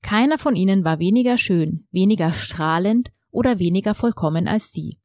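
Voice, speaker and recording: A woman narrating a storybook in a calm, measured reading. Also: medium pitch, no room sound, clean studio sound.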